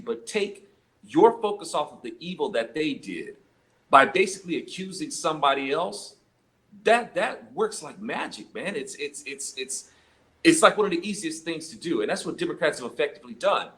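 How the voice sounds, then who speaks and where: Fairly high-voiced American man, halting delivery. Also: fairly bright tone. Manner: halting, repeats words as he starts phrases. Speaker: interview guest, political commentator. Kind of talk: conversational political commentary.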